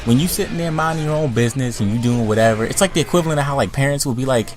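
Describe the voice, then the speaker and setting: Young male vlogger, animated, heated rant with big swings in loudness, mid pitch. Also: rapid-fire. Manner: animated, heated, swings between loud outbursts and low mutters, filler-heavy. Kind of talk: profane comedic rant.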